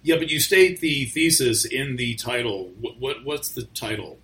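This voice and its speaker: A man's voice: medium pitch, animated, a little slow, fairly bright tone. A man interviewing a guest, pressing persistently with probing questions.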